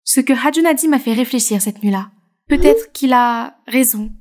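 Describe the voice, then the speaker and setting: A woman plays a shy young artist narrating her own cartoon story. Her voice is high and expressive, and she tells the events with feeling. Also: normal speed, close to an everyday voice. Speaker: narrator and heroine. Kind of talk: animated story dub narration.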